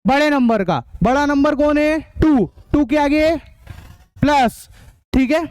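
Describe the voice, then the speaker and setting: तेज़ ऊँची आवाज़ वाला पुरुष गणित शिक्षक. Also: male voice, extremely high pitch, a little mellow, no echo. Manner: drilling rules, quizzing students with quick questions; blunt, scolding. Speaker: math tutor. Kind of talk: online class lecture.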